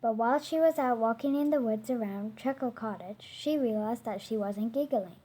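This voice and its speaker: Woman reading aloud, children's storybook, gentle, trips over hard words, fairly high voice, mellow, slightly breathy. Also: normal speed.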